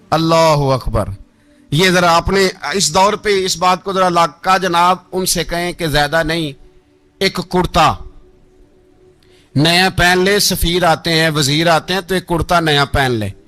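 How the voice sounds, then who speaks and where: Speaking with a Pakistani Urdu accent and a high voice, a man preaches a religious sermon. He tells a story with dramatic flair, acts out the voices of its characters, and builds up to shouted rebukes.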